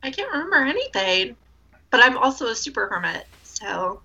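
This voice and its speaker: A woman's voice: on the high side, big pitch swings, normal speed, sharp tone, dull audio. A woman chatting casually as a podcast co-host in a playful, chatty way. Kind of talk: casual chat.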